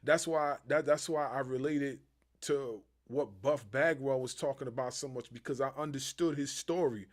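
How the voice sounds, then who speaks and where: A man's voice: medium pitch, normal speed. A man hosting a wrestling podcast, chatting casually and animatedly with lots of fillers. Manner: animated, rambling with many fillers. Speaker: podcast host. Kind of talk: casual interview chat.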